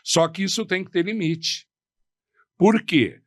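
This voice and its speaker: A man's voice: high-pitched, slow, no room sound, studio quality. A man, a professor lecturing on negotiation, who keeps asking his listeners rhetorical questions. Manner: didactic, asks the audience rhetorical questions; uses his hands a lot while talking.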